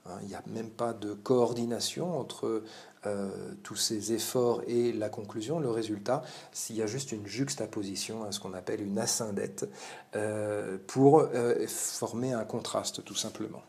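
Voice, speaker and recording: A man's voice: lowish voice, steady tone, unhurried, darkish tone. A man giving a spoken literature lesson, full of hesitations and filler sounds. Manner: hesitant, many fillers and verbal tics. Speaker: literature teacher. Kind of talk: spoken text commentary lesson.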